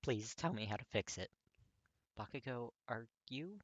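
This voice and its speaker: A man's voice: medium pitch, animated, measured pace, no room sound. A man reading aloud who voices a worried young man, pleading and anxious in a podfic.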